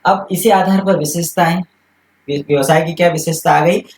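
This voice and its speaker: A man's voice: a little high, steady tone, moderate pace, darkish tone, echoey room, poor audio. A man teaching a commerce lesson in Hindi, explaining step by step and posing questions that he answers himself. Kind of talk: classroom lecture.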